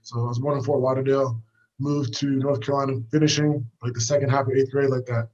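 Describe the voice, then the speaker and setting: Fast-talking young man telling stories. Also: medium pitch, little pitch movement, a little mellow, muffled recording. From United States. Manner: easygoing, rambling with many fillers. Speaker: guest, fighter. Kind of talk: casual storytelling interview. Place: walking outdoors.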